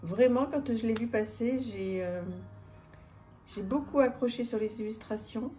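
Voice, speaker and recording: A woman's voice: fairly high pitch, measured pace, soft background music. A woman casually showing an oracle card deck, chatty with many hesitations. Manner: chatty, warm-hearted, many fillers. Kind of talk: casual product presentation.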